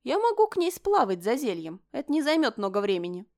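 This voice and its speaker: A woman's voice: on the high side, big pitch swings, a little fast, darkish tone, pitched above the performer's own voice. A woman voicing a sneering, spiteful young woman. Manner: sneering, venomous.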